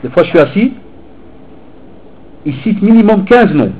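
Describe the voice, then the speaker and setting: A man, a teacher and preacher, giving an animated, informal sermon to teenagers and mixing street talk with religious phrases. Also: sits high, moderate pace, breathy edge, narrow, tinny audio. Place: hall in Belgium.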